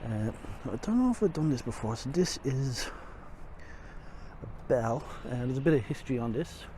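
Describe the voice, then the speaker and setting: A man's voice: medium pitch, very animated, moderate pace, mellow. An Irish man giving a casual, rambling, self-deprecating walking tour commentary outdoors, speaking through a face mask. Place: outdoors on city streets by a river. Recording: noisy outdoor street, traffic ambience. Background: street and vehicle noise.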